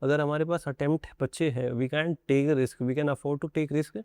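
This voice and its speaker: Gravelly young Indian man teaching. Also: fairly high pitch, steady tone, measured pace, a little mellow, no room sound, studio quality. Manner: mixes English terms into Hindi, addresses students directly. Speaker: exam prep teacher. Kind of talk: explanatory video lesson.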